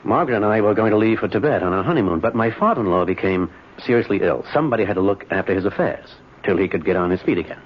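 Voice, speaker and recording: Here the actor voicing the weary, evasive businessman talks very fast in a low-leaning, animated voice, hesitant and pleading but resolute beneath the fatigue. It comes from a muffled, noisy vintage radio drama recording.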